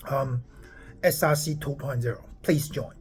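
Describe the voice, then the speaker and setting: Filming himself on his phone, a Taiwanese startup founder in his forties chats casually and rambles, repeating words and frequently asking "okay?". He speaks in a mid-range voice at a measured pace with fairly even intonation, over soft background music.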